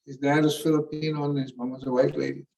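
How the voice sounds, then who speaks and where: Speaking fast, a Canadian elder delivers a storytelling keynote in a high-ish, gravelly, darkish voice with little pitch movement. He teaches earnestly, retelling conversations and restarting often. The microphone catches him from a distance.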